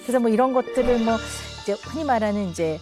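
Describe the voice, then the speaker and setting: Calm woman panelist picking her words slowly, music clearly playing. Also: a little high. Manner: thoughtful, searching for words. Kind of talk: measured discussion on a talk panel.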